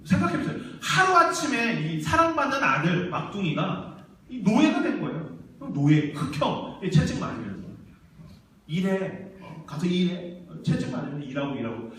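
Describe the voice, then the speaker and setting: In a very echoey church hall, recorded from a distant mic with slight background noise, a man on the ministry staff preaches to young adults. His voice sits high and runs a little fast as he tells lively stories and voices the characters in them.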